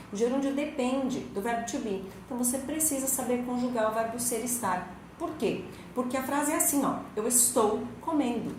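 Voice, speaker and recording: A woman English teacher with a Brazilian Portuguese accent, giving a recorded school lesson that explains grammar step by step and asks rhetorical questions. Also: mid-range voice. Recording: very echoey room, faint noise.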